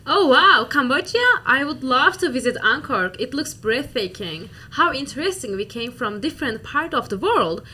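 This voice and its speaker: A woman's voice: sits high, big pitch swings, moderate pace, hardly any pauses, sharp tone, breathy edge. A woman from Turkey with a Turkish accent, reading formal prepared remarks in a student discussion. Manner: formal, recited delivery.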